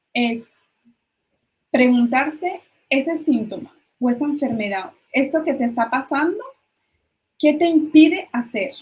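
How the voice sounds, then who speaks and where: A woman's voice: a little high, a little mellow. A woman guest expert explaining ideas in a conversational interview, with hesitant restarts.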